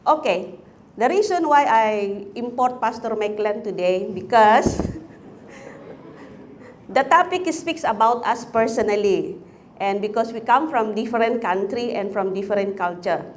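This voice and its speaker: A woman's voice: a little high, expressive, measured pace, slight background noise. Chatty woman from the Philippines. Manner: chatty, asks the audience questions. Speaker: chaplaincy speaker. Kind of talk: casual talk to an audience.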